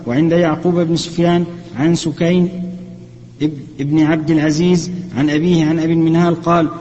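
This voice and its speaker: A man reads a classical text aloud in a lesson, his voice somewhat high and mellow. He keeps a flat, even recitation and corrects the odd slip as he goes. The recording is dull and lo-fi, with a long reverb from a big hall. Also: fast talker. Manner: steady, even recitation with small self-corrections. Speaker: student reading the text aloud for the sheikh.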